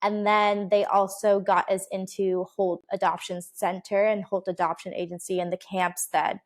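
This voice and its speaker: Her voice sits at a medium pitch with little rise and fall, delivered at a moderate pace. She's a woman in her twenties raised in the U.S. (Oregon), a bubbly interview guest in a casual conversation who laughs a lot and leans on fillers.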